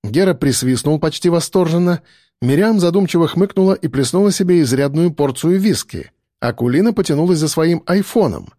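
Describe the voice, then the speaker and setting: Male narrator, storybook reading, lively pitch, dry close sound. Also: brisk, no echo. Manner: voices many characters with shifting pitch. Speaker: audiobook narrator. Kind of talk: scripted narration with acted dialogue.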